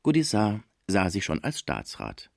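A man reading a classic novel aloud as an expressive audiobook narrator. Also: sits low, measured pace, gravelly, no room sound, studio quality.

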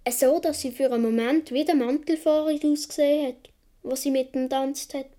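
In a first-person radio play, a woman plays a young Swiss boy vividly recounting his childhood adventures, using a Swiss German accent and sounding absorbed in the story. Her voice is high-pitched, mellow, and natural, with fairly even intonation and a slightly fast pace.

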